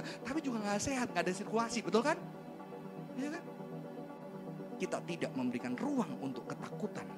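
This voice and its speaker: A man preaching a sermon in a lively, conversational way, tossing rhetorical questions and casual slang at the congregation. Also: extremely high pitch. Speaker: pastor.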